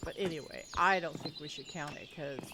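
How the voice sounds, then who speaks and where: This gaming video creator has a low-pitched voice and talks fairly quickly over background noise. She chats casually with viewers during a let's-play, sniffly and congested from a cold, and giggles now and then.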